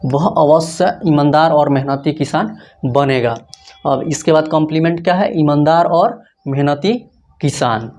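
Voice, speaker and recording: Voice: medium pitch, measured pace, darkish tone. A teacher giving a grammar lecture, asking rhetorical questions and answering them himself, repeating each rule step by step. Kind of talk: Hindi-language grammar lecture.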